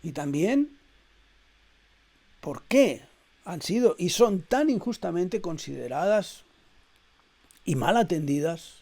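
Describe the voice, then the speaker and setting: A middle-aged man talks through a reflective essay, his voice slightly high yet gravelly with fry. The tone is mellow and dark, and he is measured and hesitant, filling pauses with "eh" and restarting his phrases. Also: lively intonation. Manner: measured, hesitant with frequent "eh" fillers and repeated words. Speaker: essayist reading his own text.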